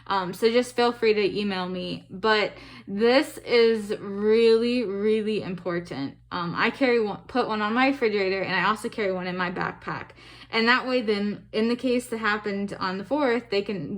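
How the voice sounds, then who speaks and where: A woman talking through a face mask, giving a personal testimony in a halting, reflective and earnest way, like a vlogger sharing her story. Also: mid-range voice. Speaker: vlogger sharing stroke recovery.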